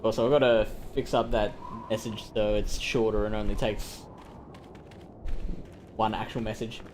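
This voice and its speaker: A man's voice: on the low side, little pitch movement, moderate pace, darkish tone, a little hiss or hum. Casual man muttering over gameplay. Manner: offhand, muttering to himself. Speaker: game streamer.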